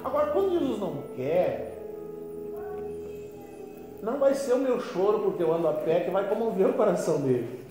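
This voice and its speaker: High-voiced pastor preaching in echoey hall. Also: male voice, sing-song, normal speed, pauses often. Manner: folksy storytelling with humor; swings between loud emphasis and quiet asides. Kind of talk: sermon. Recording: echoey hall with faint music.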